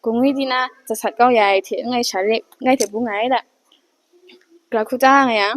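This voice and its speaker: A woman giving an unhurried talk, often pausing and hesitating. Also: a little high, fairly even intonation.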